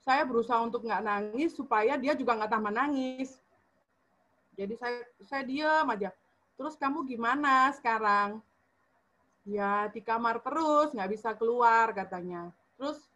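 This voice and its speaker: A woman with a fairly high, slightly bright voice shares a church testimony on a video call. She tells her personal story casually, with lots of fillers and restarts, acting out the dialogue she quotes.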